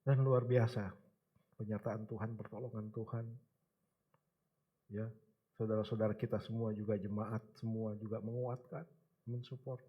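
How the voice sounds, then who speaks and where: A middle-aged man from Indonesia preaching a sermon with a personal testimony, emphatic with the congregation and soft when recounting hardship. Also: lowish voice, level tone, husky, dull audio. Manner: emphatic, calls out to the congregation, then soft and halting while telling of hardship. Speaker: church elder preaching.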